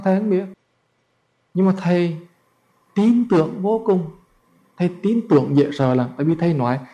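A man's voice: mid-range voice, darkish tone. A man, a Buddhist monk telling a story as a sermon in a colloquial, chatty way. He stumbles over repeated words and speaks straight to his listeners.

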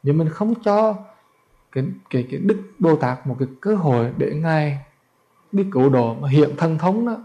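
A man's voice: on the high side, lively intonation, normal speed, warm tone, highs cut off. A man, a Buddhist monk telling a story as a sermon in a colloquial, chatty way. He stumbles over repeated words and speaks straight to his listeners.

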